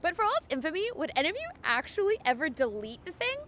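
A woman's voice: high voice, big pitch swings, fast talker, a little hiss or hum. A young woman reporting for campus TV, doing street interviews with a handheld mic outdoors. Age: young adult. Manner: bright, chatty questioning with scripted links. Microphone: handheld microphone.

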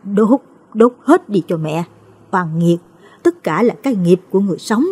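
Storybook figure: a sorrowful old mother-in-law, husky and lamenting, with a swooping voice, read by a woman narrator. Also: medium pitch, animated, moderate pace, a little mellow. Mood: solemn. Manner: lamenting, heavy-hearted.

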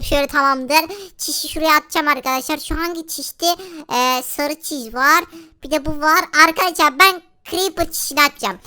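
A man's voice: very high voice, pushed and bright, heavily acted. A man voicing a mischievous young boy in a Minecraft role-play, gleefully pranking his dad and talking to viewers. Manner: gleeful, giggly, talks to viewers.

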